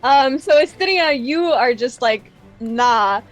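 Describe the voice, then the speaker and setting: A woman with a fairly high voice runs the tabletop session in a loose, chatty way. She talks through rolls and scenes casually, scattering filler words as she goes. Faint music plays underneath. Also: lively intonation, normal speed. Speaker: game master. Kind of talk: running a tabletop game.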